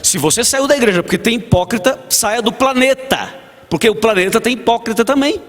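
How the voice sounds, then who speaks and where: With a very high, expressive voice and a fairly quick pace, a Brazilian-accented pastor preaches in a church hall. He tells stories, voices characters' dialogue, and asks the congregation questions, all under a long church reverb.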